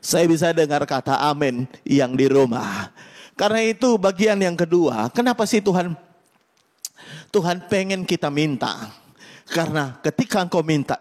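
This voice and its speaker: A middle-aged male pastor preaching an online church sermon with emphatic, repetitive declarations. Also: high-pitched. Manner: emphatic preaching, rising to loud repeated declarations. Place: church service streamed online.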